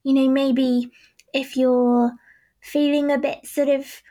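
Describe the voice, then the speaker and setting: A woman's voice: high-pitched, little pitch movement, takes it slowly, dark tone. A woman in her forties, a boxing club co-founder, giving earnest, reflective interview answers with light laughs. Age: 40s.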